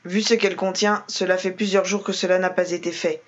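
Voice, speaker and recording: A woman's voice: on the low side, little pitch movement, fairly quick, close to an everyday voice. Woman reading a curt cold old patriarch. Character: stern older wealthy man, head of the house. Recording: roomy, dull lo-fi.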